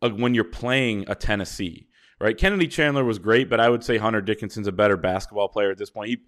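A man hosting a sports podcast, talking through basketball games in a measured, casual way with long, winding points. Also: fairly low pitch. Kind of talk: casual sports analysis chat.

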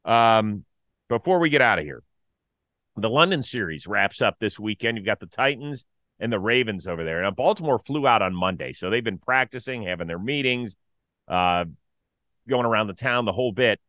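A middle-aged man co-hosting casual sports talk, his lowish voice swinging up and down as he rattles off opinions and side remarks. The sound is close and dry, with no room in it. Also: no room sound. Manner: animated, opinionated, quick asides. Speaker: podcast co-host.

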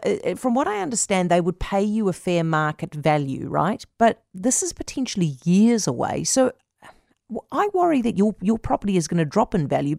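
A woman hosting a radio talk interview, brisk and outspoken. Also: mid-range voice, gravelly, a little mellow, no echo, clean studio sound. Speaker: radio host.

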